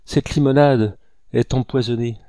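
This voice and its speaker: A man's voice: mid-range voice, steady tone, measured pace, dark tone, no echo, pitched above the performer's own voice, natural voice. A man reading an audiobook, voicing a terrified woman servant who begs in broken, desperate phrases. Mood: halting confession. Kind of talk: audiobook character voice.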